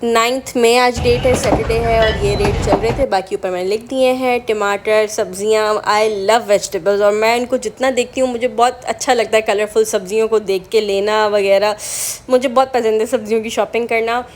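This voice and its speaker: A woman's voice: fairly high pitch, steady tone, normal speed, hardly any pauses. A young woman vlogger talking casually over her footage, chatting with viewers and asking them questions. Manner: chatty, often asks viewers directly.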